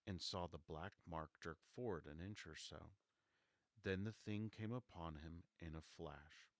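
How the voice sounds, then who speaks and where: A man with a soft voice narrating a classic novel as an audiobook. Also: deep voice, no echo.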